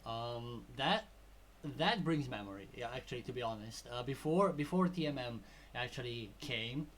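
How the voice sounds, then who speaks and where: A man's voice: medium pitch, expressive, normal speed, a bit bright, slight background noise. A man in his thirties hosting a gaming talk show, hesitant and full of fillers, asking his guests questions. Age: 30s. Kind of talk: casual chat.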